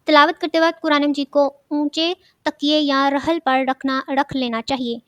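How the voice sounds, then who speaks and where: A woman with a high, level-toned voice, recorded with no room sound, teaches a religious studies lesson for children. She poses questions and answers them herself, frequently repeating key words.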